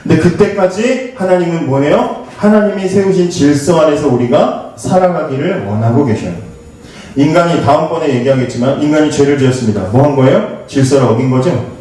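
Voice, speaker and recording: A fairly high-pitched man preaches a youth sermon in a lively, conversational way. He keeps asking the teenagers questions and acts out the lines he quotes. His voice rings through a very echoey church hall from some distance off the mic. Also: fairly quick. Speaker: pastor preaching to teens. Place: church sanctuary.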